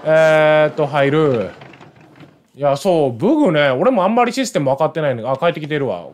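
A man with a Kansai accent chats and mutters to himself while he plays a game. His voice sits a little high. He keeps his talk casual and loose. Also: big pitch swings, moderate pace, slight background noise. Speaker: game streamer. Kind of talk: casual let's-play commentary.

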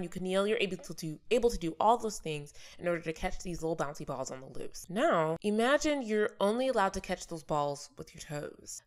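A lower-voiced woman hosts her own vlog in an animated, joking tone. She throws in playful asides and swings her pitch and volume up and down as she talks through her points. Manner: big swings in pitch and loudness. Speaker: vlog host. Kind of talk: casual commentary vlog.

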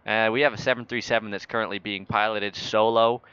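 Over muffled voice chat with a faint hiss, a man role-plays an air traffic controller in a flight sim, acting bossy and sarcastically official. He talks briskly in a fairly low, slightly bright voice with little pitch movement.

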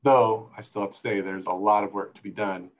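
A middle-aged American man, a zoo conservation manager, joins a video call from an indoor room as a guest expert, giving an informal slide presentation. Heard through an earphone headset, his voice is lowish and fairly even in intonation, and he talks fairly quickly.

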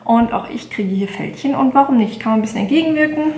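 A woman's voice: fairly high pitch, expressive, fast, roomy sound, noisy background. A woman in her late twenties chatting casually in a haul vlog, rambling with many fillers and self-corrections. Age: 20s. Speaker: beauty vlogger. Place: bedroom at home, indoors.

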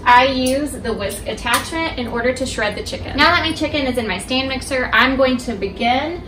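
A young woman giving a step-by-step cooking demonstration in her home kitchen, explaining each step clearly to the viewer. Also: high-pitched, expressive, moderate pace, recorded from a distance. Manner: clear, instructive, addresses viewer directly. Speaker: cooking instructor. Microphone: camera across the kitchen. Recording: echoey kitchen, voice from off-mic, household noise.

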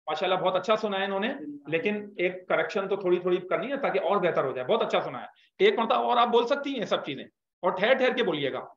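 A man teaching a class, patiently correcting students' pronunciation and repeating words slowly. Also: high-pitched, lively intonation. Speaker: Arabic teacher. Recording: roomy, dull lo-fi sound.

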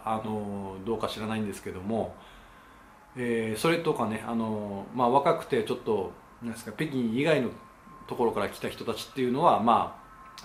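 A man's voice: medium pitch, slight background noise. Man explaining in polite filler-laden talk. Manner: polite, lots of hesitation fillers. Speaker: channel host. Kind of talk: casual explainer talk to camera. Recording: echoey room with faint ambience.

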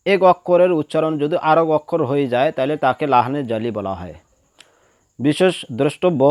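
A man teaching the pronunciation of Arabic letters, stretching each sound out loud and slow. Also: fairly high pitch, dry recording, clean studio sound. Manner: demonstrates letter sounds loudly and slowly, drawn out. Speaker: Quran teacher. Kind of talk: pronunciation lesson.

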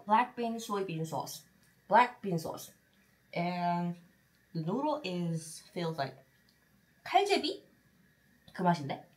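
A young woman with a Korean accent, a cooking vlogger, chats casually at her kitchen table at home while she cooks and eats, sprinkling in Korean phrases. Her voice is lowish and very animated, moving at a normal speed with frequent pauses. A pan fries and sizzles in the background.

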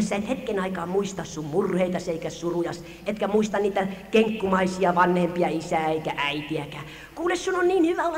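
Man doing a young drinking buddy, pushy, soft, wheedling, roomy hall sound. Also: high-pitched, pitched above the performer's own voice. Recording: echoey hall, faint noise.

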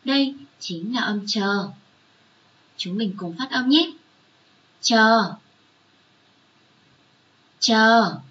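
A woman teaching young children, spelling out sounds slowly and drawing out each syllable. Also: mid-range voice, animated, fairly bright tone, recorded from a distance, dull audio. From Vietnam. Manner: slow, drawn-out spelling aloud. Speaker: first-grade teacher.

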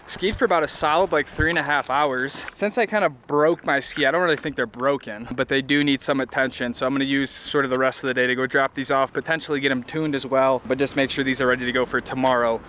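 A man's voice: mid-range voice, steady tone, fast talker, hardly any pauses, sharp tone, a little hiss or hum. A young man casually vlogging outdoors into an action camera, easygoing and rambling, with many likes and restarts. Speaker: ski vlogger. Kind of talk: casual vlog talk to camera. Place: outdoors on ski slopes and in a parking lot. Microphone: action camera on helmet or handheld.

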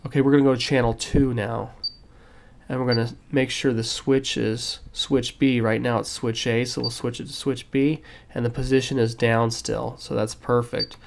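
A sick man casually walking through the settings on a radio transmitter at a cluttered workbench, relaxed and step by step. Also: medium pitch, moderate pace, vocal fry, a little hiss or hum. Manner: relaxed, with fillers and step-by-step instructions. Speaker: hobbyist demonstrating a radio transmitter. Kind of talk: casual tutorial walkthrough.

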